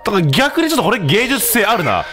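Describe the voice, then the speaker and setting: A man doing casual, mocking gameplay commentary as a streamer, breaking into sudden loud outbursts. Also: high-pitched, big pitch swings, quick pace, over music.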